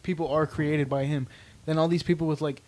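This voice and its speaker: A young man talking casually as a podcast guest, halting and hedging as he speaks. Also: fairly high pitch, little pitch movement, darkish tone. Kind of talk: casual chat.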